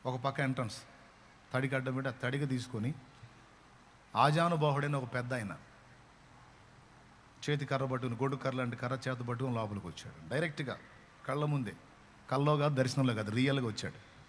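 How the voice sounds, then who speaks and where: A man's voice: medium pitch, a little fast, pauses often, a little hiss or hum. Fervent male preacher telling a story. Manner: dramatic storytelling, rising to loud fervent proclamation. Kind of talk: sermon storytelling.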